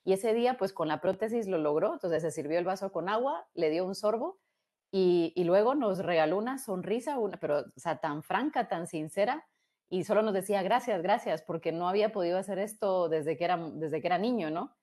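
A woman in her thirties with a Guatemalan Spanish accent, telling her career story in a relaxed, reflective way, often restarting words and adding tag questions, heard through an earbud headset on a video call from a small room. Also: mid-range voice, brisk. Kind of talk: casual conversational storytelling.

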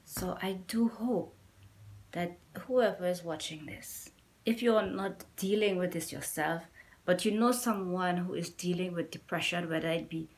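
Filming in a small indoor room at home, this YouTuber from Trinidad and Tobago, a middle-aged woman, recounts something personal to her camera. She has a fairly low, unhurried voice and a Trinidadian accent, and she pleads earnestly, going back over points for emphasis.

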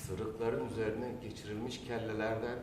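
A man performing a dramatic monologue as someone recounting a traumatic childhood, intense and swinging between hushed and loud. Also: lowish voice, little pitch movement, normal speed, natural voice. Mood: haunted, dramatic. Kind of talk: dramatic theatrical monologue narration. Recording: very echoey, distant, noisy recording.

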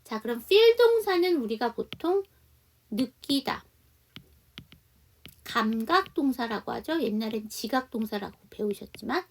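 Brief: woman English teacher, high animated voice, patient step-by-step explainer, mic a bit far off. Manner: explains step by step, asks and answers her own questions; reads example sentences slowly for repetition. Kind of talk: beginner English lesson.

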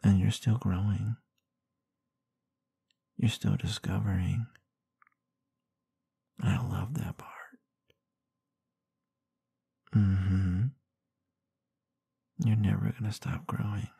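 An ASMR role-play with a man acting as a gently dominant, protective boyfriend at bedtime. His low, husky voice crackles with fry as he murmurs tender reassurance. It is breathy and intimate, right up close in a very dry space. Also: little pitch movement, slow, long pauses, no echo, heavily acted. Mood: encouraging, adoring. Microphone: close microphone in a dry space.

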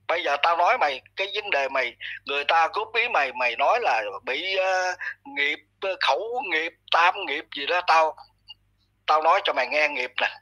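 Male commentator, husky and sharp-edged, blunt scolding rant, talks down to his target. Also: sits high, poor audio. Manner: blunt, scolding, addresses listener harshly. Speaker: online commentator. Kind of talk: ranting commentary monologue.

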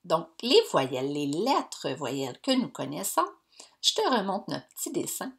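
A woman, teaching young pupils in a slow, clear, encouraging way. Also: deep voice, big pitch swings. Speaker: primary school teacher. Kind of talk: recorded lesson for young pupils.

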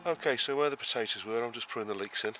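A man with a medium-pitched voice talks very fast, with music playing behind him, as he gives a casual on-camera tour of his vegetable allotment. He's a gardener and show host, and he rambles through his planting step by step, full of fillers and restarts. The outdoor camera audio is noisy, with rural ambience around him.

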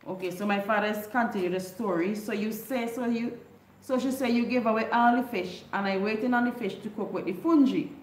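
A middle-aged Grenadian livestream host with a Grenadian Creole English accent talks briskly in a mid-range voice, chatting with viewers, retelling a folk story and reading their comments. She's in a neon-lit living room using a desk mic on a stand, and the rough recording sounds roomy with a little hiss or hum.

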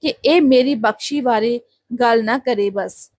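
A woman's voice: a little high, measured pace, darkish tone, no echo. A woman voicing a fierce, protective adoptive mother who defiantly refuses.

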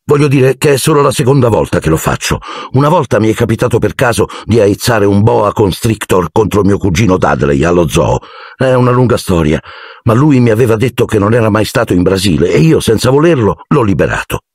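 A man voicing an earnest, defiant twelve-year-old boy wizard, quick to anger, for an audiobook. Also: on the low side, sing-song, a little mellow, husky, no room sound, clean studio sound, pitched above the performer's own voice, exaggerated voice.

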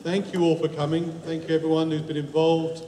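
A man hosting a live event, making brisk, practical announcements to the audience. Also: on the high side, flat delivery, mellow. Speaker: event organiser and host. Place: large echoey hall. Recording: echoey hall, faint room noise.

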